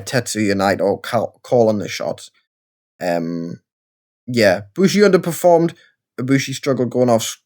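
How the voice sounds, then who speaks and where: A man with a Geordie accent talks through his gameplay in a loose, rambling way. He pokes fun at himself as he goes, in an easy, mid-pitched voice. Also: darkish tone. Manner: rambling, self-deprecating, chatty. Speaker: gaming video creator. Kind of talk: casual let's-play commentary.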